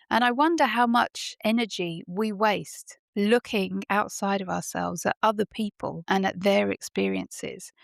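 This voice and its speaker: A woman's voice: mid-range voice, creaky, dry recording, clean studio sound. A woman hosting a podcast and giving an emphatic motivational monologue full of rhetorical questions. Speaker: podcast host.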